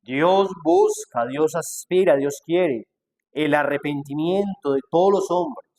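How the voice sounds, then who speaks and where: Male pastor, slightly raised pitch, mid-sermon, rhetorical and lively in delivery. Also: slow pace. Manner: acts out quoted objections in a changed voice; asks rhetorical questions.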